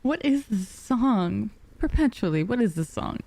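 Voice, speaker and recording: A woman livestreamer with a soft, cozy storybook voice, chatting casually and affectionately with her viewers, using pet names. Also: a little high, lively intonation, measured pace, vocal fry. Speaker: livestreamer, VTuber.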